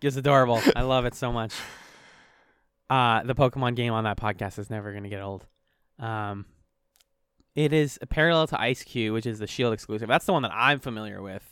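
A man in casual podcast chat, reading entries aloud and cracking jokes. His voice is smooth and resonant at a middling pitch. The sound is dry and close to the mic. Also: fairly quick, a bit bright, dry recording. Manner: reads entries aloud, jokey and laughing. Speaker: podcast co-host.

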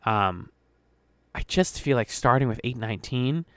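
A man's voice: mid-range voice, animated, unhurried, fairly bright tone, dry recording. A man co-hosting a podcast in casual chat, playful and full of fillers. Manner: chatty, playful, trails off with fillers. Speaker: podcast co-host.

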